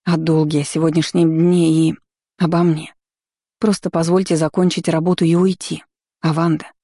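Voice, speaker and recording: A woman's voice: low voice, little pitch movement, moderate pace, dark tone, dry recording, clean studio sound. A woman voicing a frightened young woman healer who pleads urgently.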